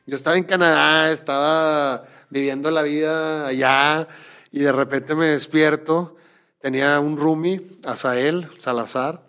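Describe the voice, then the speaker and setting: A man hosting a podcast, telling a personal dream story in casual chat, animated and often repeating words. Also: a little high, measured pace, smooth. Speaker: podcast host.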